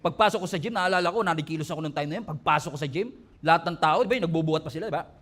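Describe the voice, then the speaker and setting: High-pitched guy pastor preaching, gets loud and emphatic then jokey. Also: very fast, a little hiss or hum. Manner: preaching in mixed Tagalog and English, rising to emphatic peaks; humorous storytelling with laughs. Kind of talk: sermon.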